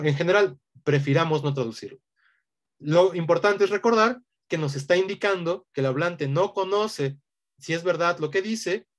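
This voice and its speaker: A man teaching an online language lesson, explaining patiently and often checking in with a questioning tag. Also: a little high.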